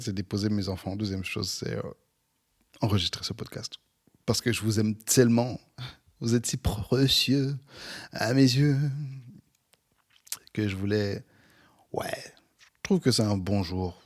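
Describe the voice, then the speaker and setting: A pastor in his forties hosting a podcast from home, talking with energy and warmth about friendship. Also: on the low side, measured pace, pauses often. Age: 40s. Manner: energetic, upbeat, animated. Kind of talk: podcast sermon. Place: at home near an airport, planes passing.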